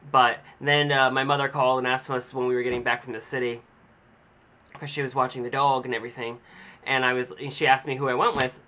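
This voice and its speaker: A young man casually telling a rambling, self-mocking story to a camera in his home vlog. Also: mid-range voice. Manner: chatty, animated, self-mocking. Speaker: vlogger.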